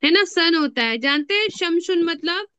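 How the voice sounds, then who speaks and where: A woman teaching an Arabic grammar class, often asking her students questions and repeating key words slowly. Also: extremely high pitch, animated, bright, forceful tone, no echo, muffled recording. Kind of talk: classroom lesson explaining rules with questions to students.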